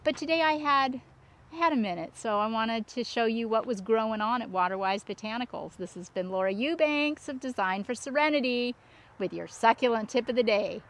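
Excited, high-voiced woman hosting outdoors. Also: fairly quick. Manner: excited, gushing, exclamatory. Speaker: landscape designer hosting a plant tour. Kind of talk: casual walk-through vlog narration. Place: outdoors at a plant nursery. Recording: outdoor ambient and vehicle noise.

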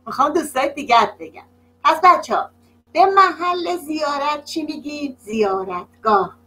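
A woman teaching young children over a video call, her voice high and bright. She speaks slowly and patiently, stretching words out and praising each answer. The sound comes through a video call. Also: animated, rough recording. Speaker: primary school teacher. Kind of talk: online class.

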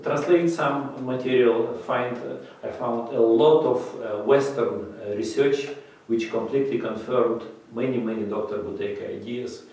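A middle-aged breathing method teacher, whose first language isn't English and who speaks English as his third language, answers interview questions haltingly, with many fillers and restarts, gesturing as he talks. His voice is mid-range and darkish, recorded from a distance in an echoey, bright indoor office.

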